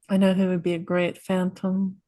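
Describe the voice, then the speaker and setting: Woman, podcast co-host, bubbly, giggly, mid pitch. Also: a little slow, darkish tone. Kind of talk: casual chat.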